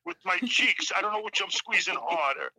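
A man calling in over a phone on speakerphone, telling stories in a casual, animated and jokey way. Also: sits high, fairly quick, poor audio. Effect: heard over a phone on speakerphone. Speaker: caller. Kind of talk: casual storytelling on a talk show.

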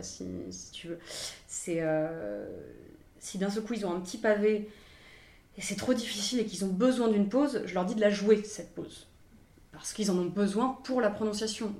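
A young woman in her twenties answers interview questions with a mid-range voice. She talks in a halting way, full of fillers and restarts. The sound is roomy and echoey. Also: medium pitch, mellow. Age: 20s. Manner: hesitant, many fillers and restarts. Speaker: language coach for actors.

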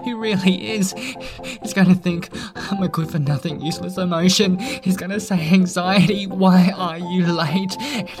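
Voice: medium pitch, normal speed, hardly any pauses, close to an everyday voice. Anxiety, a fretting, jittery emotion, acted out. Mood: panicky. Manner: fretful, spiralling worry. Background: music.

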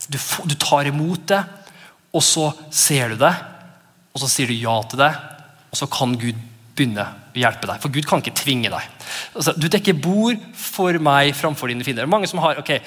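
A man in his thirties preaching a sermon as pastor, animated and often laughing as he acts out his children's voices. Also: medium pitch. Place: church. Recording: church hall reverb.

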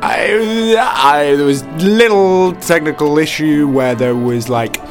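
A man's voice: a little high, slow pace, soft background music. A man hosting a podcast in casual chat, rambling and self-mocking with lots of fillers. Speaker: podcast host.

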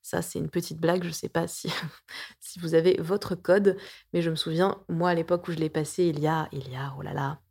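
A woman's voice: on the low side, steady tone, brisk, creaky, a little mellow, slightly rough. A woman of around forty who hosts a podcast as a coach and therapist. She reads her blog articles aloud in a playful, jokey way, with self-mocking asides and plenty of hesitant restarts. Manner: chatty, with frequent hesitations and restarts.

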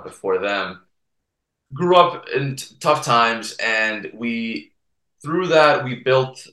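Deep-voiced earnest man, echoey room. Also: pushed and bright. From Toronto, Canada. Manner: earnest, halting, many restarts. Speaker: guest from a Serbian community TV channel. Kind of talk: casual podcast interview.

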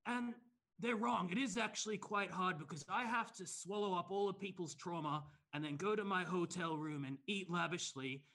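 A man with a high, bright, forceful voice, speaking at a moderate pace, plays a greedy, self-important motivational speaker. The character is smug and sleazy, rambling on earnestly.

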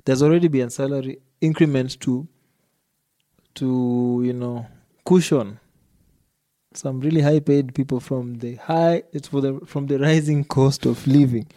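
A man hosts a casual discussion, speaking in halting, hesitant phrases. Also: medium pitch, steady tone, dark tone. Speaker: podcast host.

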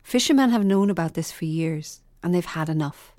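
A woman's voice: on the low side, lively intonation, normal speed, darkish tone, no echo, clean studio sound. A woman presenting scripted documentary narration in an earnest, emphatic manner.

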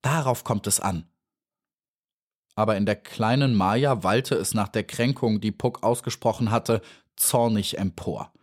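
Low-voiced man reading a children's story. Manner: expressive, measured storytelling. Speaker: audiobook narrator.

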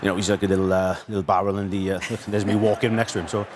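Brief: man from Wales, low voice, quick halting answers, faint noise behind. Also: level tone. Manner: halting, many fillers. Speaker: studio guest. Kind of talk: casual interview answers.

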